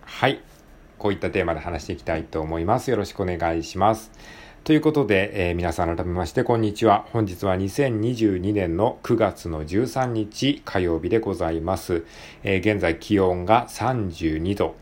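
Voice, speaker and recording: A man hosting his own podcast, talking alone in a polite, relaxed way with many drawn-out fillers. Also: sits low. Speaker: podcast host. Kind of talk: casual solo podcast talk.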